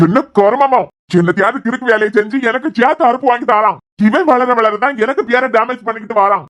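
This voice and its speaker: A woman voicing an exasperated middle-aged father in a cartoon who complains loudly about his son. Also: fairly high pitch, lightly acted. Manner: loud complaining. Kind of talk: cartoon voice acting.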